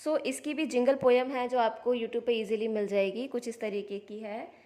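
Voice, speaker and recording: A woman's voice: on the high side, steady tone, normal speed, warm tone. Patient woman explaining phonics. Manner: patient, explains step by step, sounds out letters. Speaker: homeschooling parent teaching phonics. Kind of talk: casual instructional vlog.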